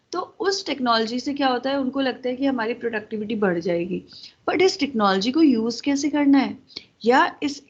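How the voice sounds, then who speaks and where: A woman's voice: a little high, muffled recording. A woman teaching a lesson in a conversational way, switching into English terms and talking directly to her viewers. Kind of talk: explanatory lecture.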